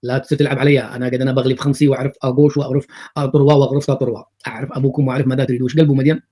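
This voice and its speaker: Racing along in a mid-range voice, a man delivers sarcastic reaction commentary on TV clips. He is animated and mocking, repeating phrases over and over.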